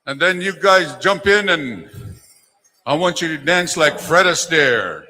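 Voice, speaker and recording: A man's voice: a little high, expressive, measured pace, bright, forceful tone. A man working as a powwow emcee, announcing to and rallying dancers in an encouraging, folksy, joking way over a gymnasium PA. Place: large indoor gymnasium. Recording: PA in echoey gymnasium, long reverb.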